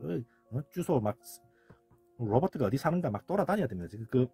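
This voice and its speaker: A man giving an informal lecture as a channel host, talking in an animated way, repeating phrases and acting out exclamations. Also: mid-range voice, slightly rough, dry recording. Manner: animated, repetitive, acts out quoted exclamations. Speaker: channel host explaining word comparisons.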